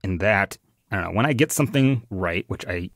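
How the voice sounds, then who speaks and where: Man, astrologer co-host, deep voice, gravelly, hesitant, rambling, dry close sound. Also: lively intonation, brisk, fairly bright tone, no room sound. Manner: hesitant, many fillers and restarts. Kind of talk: casual conversational podcast chat.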